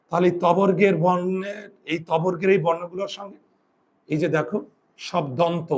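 A male teacher giving a spelling lesson, explaining step by step and asking questions that he then answers himself. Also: sits high. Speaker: Bengali grammar teacher.

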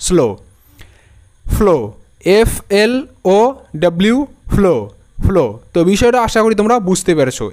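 A male teacher gives a patient spelling lesson, spelling words out letter by letter and saying each one several times over. His voice sits high and sounds smooth and resonant. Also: a little mellow. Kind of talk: Bengali-language spelling lesson.

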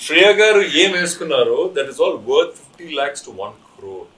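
A man interviewing, playful and excitable, laughing often and mixing in jokes. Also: fairly high pitch, very fast, low-quality recording. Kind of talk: casual chat.

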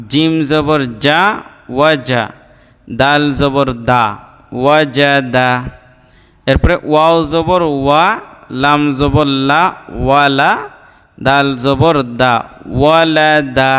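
A man's voice: fairly high pitch, fairly bright tone, clean tone. A man teaching Quran reading, spelling out each letter with its vowel mark and then joining the syllables. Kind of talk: slow drilled recitation lesson. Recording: long hall reverb.

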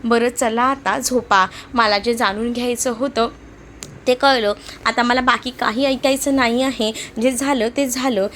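Woman reading as a gentle young wife. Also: on the high side, fairly even intonation, measured pace, a little hiss or hum.

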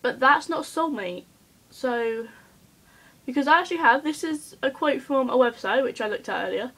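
Hyper, giggly woman vlogger with a highish voice. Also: animated, normal speed, fairly bright tone, slightly rough, rough recording. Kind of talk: casual chatty vlog.

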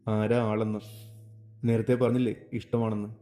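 A man reading a gentle young husband. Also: on the low side, little pitch movement, moderate pace, faint music behind, natural voice.

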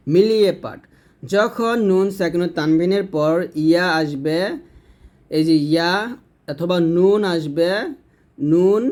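A man with a fairly high voice teaches Quran recitation rules in a clear, patient lesson. He explains each rule plainly, then recites examples slowly and with long drawn-out sounds. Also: darkish tone. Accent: Bangladeshi Bengali.

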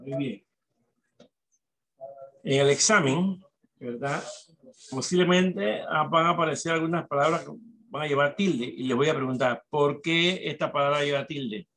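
A man's voice: on the high side, measured pace, pauses often, a bit bright. A male teacher dictating a lesson to a class, repeating his instructions and often checking in with the pupils.

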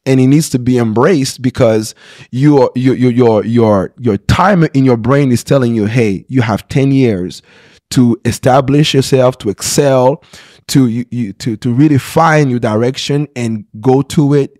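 On a close podcast mic in a small studio, a pastor in his thirties earnestly recounts his own life in an interview, often restarting and checking in with "right?". His medium-pitched voice is a little mellow and a little slow, with no room sound.

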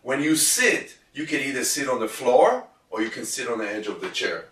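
Male meditation teacher, middle-aged, slow breath-counting guidance with measured pauses, recorded at a distance in an echoey room. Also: mid-range voice, very animated, a bit bright, a little hiss or hum. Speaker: meditation and Chi Kung instructor. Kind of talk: spoken instruction for breath meditation. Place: indoor studio with plain backdrop. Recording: roomy echo, distant microphone.

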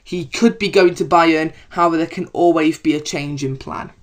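Rambling podcast co-host. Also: male voice, fairly high pitch, steady tone, normal speed. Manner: rambling, many fillers and restarts. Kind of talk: casual football chat.

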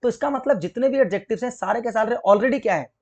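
A man's voice: very high-pitched, fast, darkish tone. A young man teaching an exam-prep grammar lesson, explaining step by step and often checking that students follow. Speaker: English teacher.

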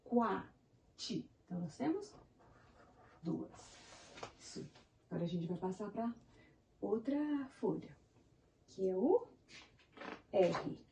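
A primary school teacher teaches young children in Brazilian Portuguese in a medium-pitched, dark voice with lively intonation, speaking slowly with long pauses. She breaks animal names into syllables and counts them, encouraging and praising the children. She was recorded from a distance, with slight background noise.

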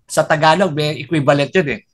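A man's voice: on the high side, brisk. An older man, a Spanish professor, explaining words patiently in a casual chat. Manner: explains patiently and repeats points.

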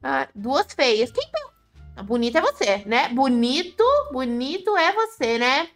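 A young Brazilian woman giving chatty gameplay commentary, excitable and laughing often as she teases other players. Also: sits high, a little slow, faint music behind. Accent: Brazilian Portuguese. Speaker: gaming video host.

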